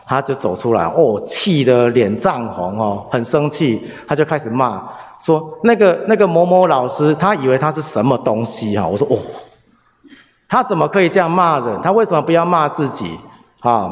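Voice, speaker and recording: A man preaching a sermon, telling a family story in a lively way with many chatty particles. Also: medium pitch. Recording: long reverb from a hall.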